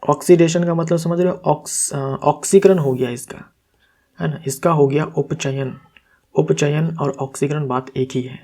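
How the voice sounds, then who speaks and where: A man's voice: fairly high pitch, steady tone, moderate pace, warm tone. A man teaches exam material as a tutor. He goes through answers step by step, asking himself questions and answering them, now and then correcting a slip aloud. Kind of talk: explaining quiz answers.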